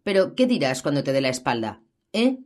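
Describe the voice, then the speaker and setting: A woman's voice: deep voice, sing-song, fairly quick, darkish tone. A woman reading the part of a sadistic, menacing male thug in an audiobook. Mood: taunting. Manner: taunting, menacing. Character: sadistic big adult male thug with a gun.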